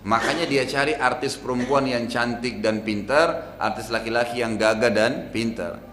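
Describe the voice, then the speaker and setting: A man's voice: medium pitch, normal speed, fairly bright tone. A middle-aged male preacher giving a sermon, telling stories and tagging on rhetorical asides. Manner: storytelling, rhetorical "gitu kan" asides. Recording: echoey hall with faint noise.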